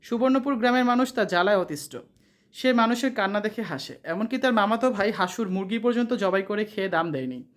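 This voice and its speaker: A tutor from Bangladesh works through exam questions and their answers as a voice-over. The delivery is brisk and steady, at a middling pitch. Each question is read and answered in turn, with no pause for chat. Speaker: online tutor.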